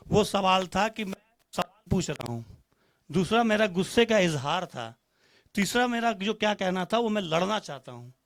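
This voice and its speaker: A man's voice: sits high, fairly bright tone. A man speaking as a guest on a televised panel, formal and rhetorical, using Urdu-flavoured Hindi with English phrases and acting out examples by changing his tone.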